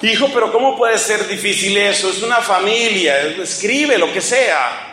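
A man playing a weary father, tired at first and then indignant at the school, in a high, bright voice. He is heard in a roomy, echoing space, as a preacher acts the part out during a sermon. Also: normal speed, slight background noise.

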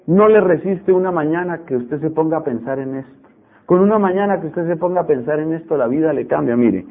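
A man preaching a sermon, animated and repetitive, mimicking stubborn voices to make his point. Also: a little high, breathy edge. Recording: tinny phone-like radio broadcast.

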